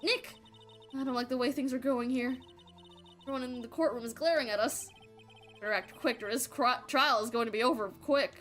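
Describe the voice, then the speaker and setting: A woman's voice: fairly high pitch, fairly quick, fairly bright tone, faint music behind, natural voice. A woman doing a fretful young assistant. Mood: worried.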